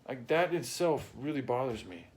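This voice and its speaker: A man in an unscripted personal rant, blunt and heavily profane, close to tears and often clearing his throat. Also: mid-range voice, big pitch swings, normal speed, a little hiss or hum. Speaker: vlogger.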